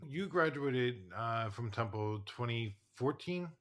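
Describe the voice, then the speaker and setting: A man's voice: mid-range voice, expressive, takes it slowly. A man in his forties co-hosting a podcast, talking in a rambling, casual way full of fillers. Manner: rambling, many fillers and restarts. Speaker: podcast co-host, therapist. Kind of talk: casual chat.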